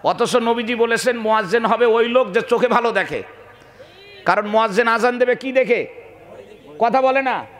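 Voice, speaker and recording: A man's voice: very high-pitched, moderate pace, long pauses, a bit bright, roomy sound. A man, preaching a sermon in a folksy way, telling stories with acted dialogue and asking the crowd questions. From Bangladesh. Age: 40s.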